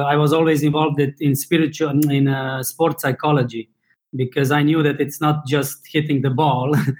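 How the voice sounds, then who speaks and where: A man from Slovenia in his thirties, a former table tennis player and coach, talking casually in an interview and often pausing to search for his words. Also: medium pitch, darkish tone, rough recording. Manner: searching for words, many fillers and restarts, non-native English.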